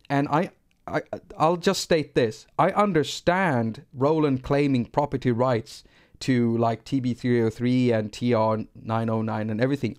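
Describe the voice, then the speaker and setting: Teaching synthesis live, a Swedish-accented producer from Sweden, middle-aged, speaks at a medium pitch with a darkish tone. He wanders off topic, is self-deprecating, and doubles up words when starting over.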